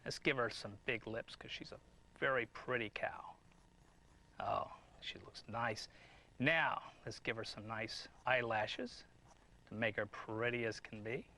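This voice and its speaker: A man leading a step-by-step drawing lesson in a gentle, encouraging way. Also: mid-range voice, fairly even intonation, unhurried. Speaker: drawing teacher.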